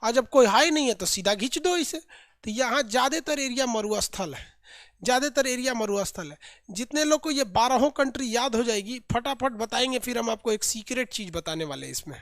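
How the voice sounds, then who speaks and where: A man's voice: very high voice, expressive, fairly quick, a bit bright, dry recording, clean studio sound. A male teacher, leading a live online geography class in a casual, playful way and drilling lists by repetition.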